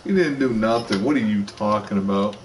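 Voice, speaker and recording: A young man streaming a video game, chatting casually and excitably with a friend, teasing and full of slang. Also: on the low side, fairly quick. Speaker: gaming streamer. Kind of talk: casual gaming chat. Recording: distant voice with clear background noise.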